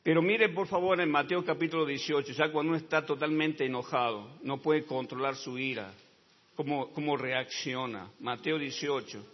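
Spanish-speaking preacher, booming reverberant hall. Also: male voice, moderate pace. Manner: addresses listeners as brother, tags lines with amen; swings between low quiet asides and loud high shouting. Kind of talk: sermon. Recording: dull sound with long reverb in a large hall.

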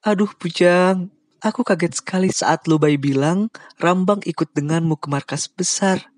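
A man voicing a warm, motherly older woman who speaks gently and grows emotional. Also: sits high, moderate pace, no room sound, clean studio sound, voice pushed up, lightly acted. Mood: tearful grateful.

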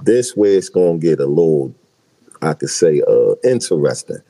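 A man's voice: extremely low pitch, very animated, moderate pace, warm tone, rough recording. A young adult man hosting a podcast in a laid-back, slangy, emphatic way. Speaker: podcast host. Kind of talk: casual chat.

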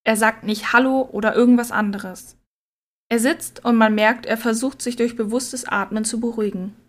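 Woman narrator, fairly high voice, hushed and subdued, audiobook reading. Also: fairly even intonation, normal speed.

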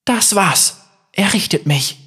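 A man's voice: sits high, lively intonation, slow, pushed and bright, breathy edge, pitched above the performer's own voice, exaggerated voice. A man voicing an earnest, shaken young woman soldier in a storybook reading, pleading and strained. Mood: tense.

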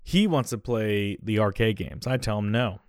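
A man's voice: lowish voice, expressive, normal speed, dry recording. Chatty man rambling on a dry mic. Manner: rambling, conversational, frequent "you know" and "okay?" asides. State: dry throat, coughing. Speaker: podcast host. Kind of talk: casual solo podcast monologue.

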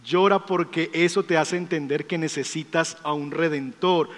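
A man preaching a sermon as pastor, emphatic, asking rhetorical questions and dropping to a softer storytelling voice. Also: on the high side, fairly even intonation, moderate pace. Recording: long hall reverb.

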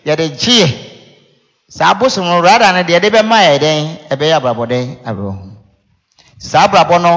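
A man's voice: fairly high pitch, a bit bright. Ghanaian male preacher in an echoing hall. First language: Akan (Twi). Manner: conversational teaching with rhetorical questions and repeated phrases. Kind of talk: sermon teaching, mixing explanation with scripture and storytelling. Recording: echoey hall with long reverb.

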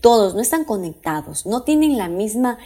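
Warm-voiced woman giving business tips. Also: a little high, big pitch swings, normal speed, slightly rough. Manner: conversational, with frequent fillers and tag questions; restarts sentences and corrects herself mid-phrase. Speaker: customer service trainer. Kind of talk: informal teaching talk to viewers.

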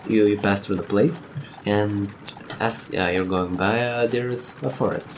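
Laughing, halting game master. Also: male voice, fairly low pitch, fairly even intonation, slight background noise. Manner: halting, many fillers, laughs often, profane. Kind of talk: narrating a tabletop game.

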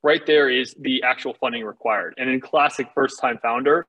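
A man speaking as a startup founder, making a confident, candid startup pitch in a casual, salesy conversational way. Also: fairly even intonation, normal speed, sharp tone, highs cut off.

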